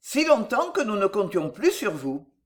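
A reader voicing a startled, eager young woman who calls out in a high, excited voice. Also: moderate pace.

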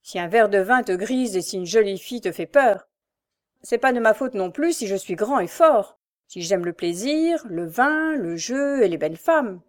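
Female reader playing a loud swaggering brute of a brother, mocking, storybook. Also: medium pitch, lively intonation, moderate pace, lightly acted. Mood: boastful. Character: brutal big lazy bully brother, man.

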